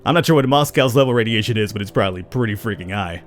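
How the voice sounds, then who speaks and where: A man hosts a casual gameplay session, narrating his moves and bantering with himself and the items he picks up. His pitch swings widely from line to line, and faint guitar music plays quietly underneath. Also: quick pace. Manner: animated, talks to himself and to game items. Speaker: gaming channel host.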